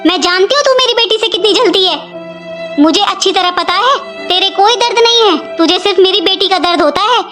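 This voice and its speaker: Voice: extremely high pitch, brisk, over music. A performer voicing a harsh, bossy middle-aged mother-in-law who taunts her daughter-in-law in a cartoon story. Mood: scolding. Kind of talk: animated cartoon voice acting.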